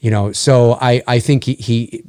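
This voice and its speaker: A man's voice: mid-range voice, fairly even intonation, unhurried, mellow, dry recording, clean studio sound. A man, a voice actor guest on a podcast, talking at length in casual chat, often restarting and groping for words. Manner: talkative, gropes for words and restarts mid-thought.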